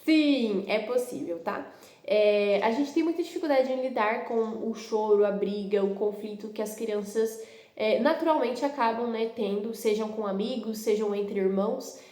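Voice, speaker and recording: A woman with a Brazilian Portuguese accent, a parenting educator explaining calmly at home in an instructional video. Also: on the high side, moderate pace. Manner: calm explanatory, acts out parent-child dialogues. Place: her home. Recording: roomy echo.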